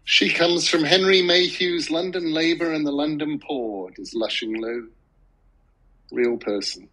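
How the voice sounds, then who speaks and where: A man speaking in a casual commentary track, thoughtful and a little halting as he explains. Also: fairly high pitch, sharp tone, rough recording.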